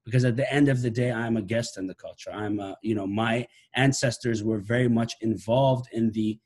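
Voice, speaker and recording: A man's voice: medium pitch, steady tone, normal speed, darkish tone, slightly rough. Man, late 30s, from Iraq, reflective talk, webcam audio, home living room, restarts phrases. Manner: thoughtful, restarts phrases, gestures with hands. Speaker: musician and professor. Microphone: laptop webcam video call.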